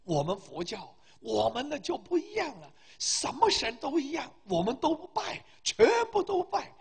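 A man voicing an irritated devout Buddhist stranger who protests in a raised, high voice. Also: wildly swooping pitch, normal speed, gravelly, heavily acted. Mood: indignant. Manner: indignant, raises voice to a high pitch when protesting.

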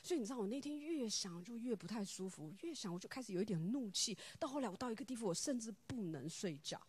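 A woman giving a personal devotional talk, telling stories in an animated way and acting out the dialogue. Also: a little high, quick pace, breathy edge.

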